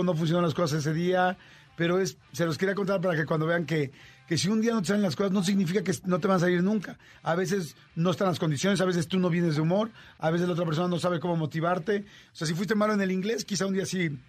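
A man with a Mexican Spanish accent, a radio host and voice actor, telling a story in casual chat and acting out the dialogue. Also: high voice. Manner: animated, acts out dialogue with shifting voices.

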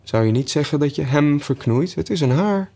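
A man's voice: fairly high pitch, animated, moderate pace, warm tone, voice pushed up. A man reading aloud, voicing a grumpy, scornful male hatter. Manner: cross, scornful.

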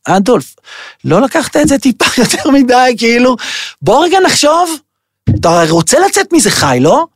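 Brief: man playing a blunt male buddy, pitched up high, coaxing and casual, in a dry dead room. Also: very animated, dry recording, heavily acted. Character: blunt male close friend talking sense into a ruler.

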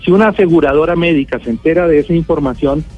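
Here a Colombian man talks quickly in a fairly high voice while appearing as an expert guest on radio. His explanations are forceful and full of ordinary, relatable examples, and his accent is Colombian Spanish. Music plays under a thin, telephone-quality signal.

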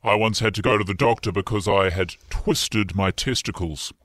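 A radio producer making confessions on air through a voice disguiser that gives him a disguised deep voice. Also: male voice, normal speed, a bit bright, no echo, clean studio sound. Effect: disguised deep voice from a pitch-shifting voice disguiser. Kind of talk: radio show bit.

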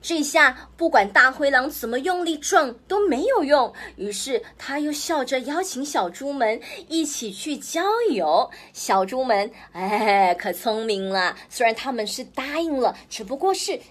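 A woman's voice: high voice, lively intonation, measured pace, few pauses, a bit bright. A woman hosting a children's story program, telling a fairy tale playfully and asking listeners questions. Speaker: storyteller host.

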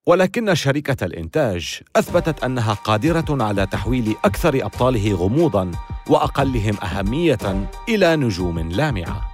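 A man's voice: lowish voice, darkish tone. A man reading scripted documentary narration with a dramatic, storytelling delivery.

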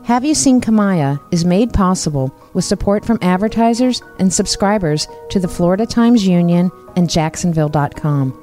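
A woman investigative reporter narrating a podcast in a measured, earnest scripted read. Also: fairly low pitch, lively intonation, mellow, faint music behind.

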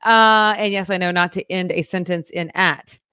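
A woman's voice: fairly low pitch, steady tone, normal speed, bright, forceful tone, clean tone, no room sound, clean studio sound. Chatty upbeat woman co-hosting local news. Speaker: news show co-host. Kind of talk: casual local news chat.

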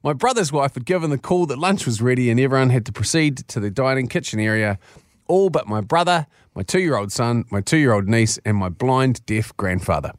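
A man's voice: mid-range voice, expressive, a little fast, dry recording, clean studio sound. A man with a New Zealand accent hosting a radio show, reading out listener messages and bantering in a jokey, blokey, colloquial way.

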